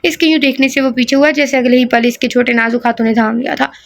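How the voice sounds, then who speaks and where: High-voiced woman narrating a novel. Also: little pitch movement, fast talker, gravelly. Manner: breaks off for casual joking asides. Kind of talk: reading a romance novel aloud.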